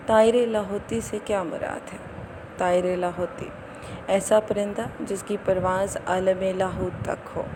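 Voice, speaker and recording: A woman reading study notes aloud in a measured, formal way. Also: medium pitch. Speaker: narrator. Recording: clear background noise.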